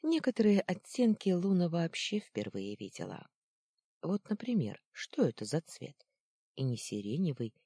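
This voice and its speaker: A woman narrates a children's storybook with a husky, slightly breathy voice. Her pitch swings widely as she acts out the dialogue. The recording is dry and close, with no room sound. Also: warm tone, dry recording. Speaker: audiobook narrator.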